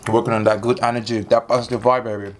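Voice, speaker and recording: A man's voice: mid-range voice, flat delivery, fast talker, slight background noise. A man chatting casually to viewers as a mukbang host while eating crunchy fried chicken, slangy and repetitive, with satisfied hums. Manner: slangy, repeats phrases.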